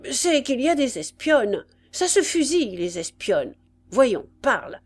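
A woman's voice: fairly high pitch, big pitch swings, measured pace, pitched above the performer's own voice. A woman playing a barking army sergeant. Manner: loud, barking questions. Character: gruff male Republican army sergeant, blustering interrogator.

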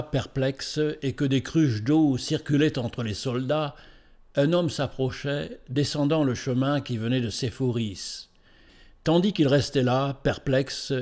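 A man narrates a historical tale in a steady, measured reading voice of middle pitch. His delivery is even and composed, the sound of a scripted storybook narration.

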